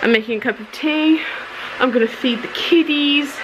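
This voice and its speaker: A young woman vlogging at home into a handheld camera. Her voice sits a little high, and she chats along in an excitable way, full of fillers. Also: normal speed, background noise. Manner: chatty and excitable, with many fillers. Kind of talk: casual daily vlog. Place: at home indoors.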